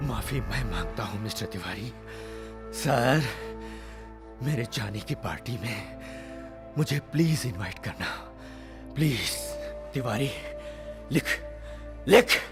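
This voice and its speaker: An actor playing a domineering home minister who bullies subordinates and erupts into shouting. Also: male voice, medium pitch, big pitch swings, measured pace, long pauses, music in the background. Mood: menacing. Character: furious corrupt home minister, male, commanding.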